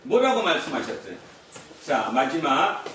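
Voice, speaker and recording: A man's voice: on the high side, big pitch swings, moderate pace, pushed and bright, a little hiss or hum. A male pastor preaching a sermon, putting questions to the congregation and repeating their answers. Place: church sanctuary. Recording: echoey church hall from far off.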